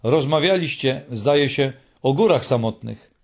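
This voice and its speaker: A man voicing a calm, wry female creature with a dry, knowing tone, in an audiobook reading. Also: mid-range voice, unhurried, creaky, slightly rough, heavily acted.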